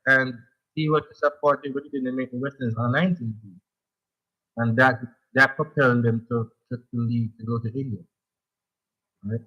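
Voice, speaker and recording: A man's voice: medium pitch, steady tone, moderate pace, pauses often, husky. A man calling in to a radio talk show, chatting eagerly about cricket and often repeating himself. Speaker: caller. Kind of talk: phone-in chat about cricket. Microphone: phone line. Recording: lo-fi phone line.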